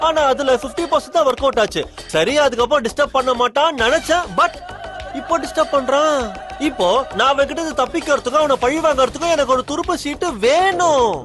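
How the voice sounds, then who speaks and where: A man's voice: very high-pitched, fast talker. An actor playing a scheming, taunting male kidnapper in a TV serial who laughs often and mixes in English words, with music behind. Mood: gloating. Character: mocking male kidnapper villain, scheming and gloating. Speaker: villain in a TV serial. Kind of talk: TV serial acting.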